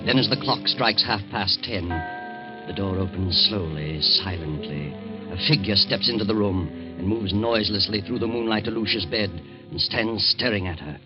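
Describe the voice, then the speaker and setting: A man narrating a radio drama in a measured, suspenseful way. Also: lowish voice, dull audio. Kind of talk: scripted narration. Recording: scratchy 1940s radio recording with music.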